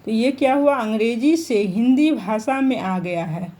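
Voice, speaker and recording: A woman's voice: a little high, unhurried, mellow. A woman teaching a grammar lesson to children, repeating each point and asking them questions as she goes. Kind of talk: online Hindi grammar lesson.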